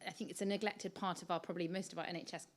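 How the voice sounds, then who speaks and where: A woman therapist puts a question from the audience. Her voice is low, and she hedges and searches for her words as she talks. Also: fairly even intonation, very fast. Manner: searching, hedging phrasing. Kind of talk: audience question at a professional event.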